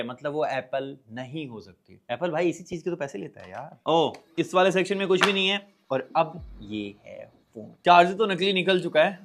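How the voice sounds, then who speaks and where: A young man talks through an unboxing in a casual, chatty way, his voice sitting a little high. He gets excited, calls out to viewers as friends, and reacts openly to what he finds. Soft music plays faintly behind him. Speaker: tech reviewer.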